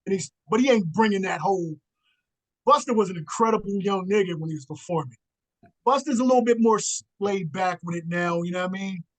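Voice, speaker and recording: A man chatting on a podcast, giving his opinions in a lively way and laughing easily. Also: high voice, a little fast, low-quality recording. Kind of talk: casual chat.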